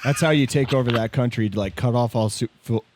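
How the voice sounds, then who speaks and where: A man's voice: mid-range voice, fast talker, a little mellow, slight background noise. A man co-hosting a podcast in casual banter, cracking crude jokes and laughing. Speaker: podcast co-host.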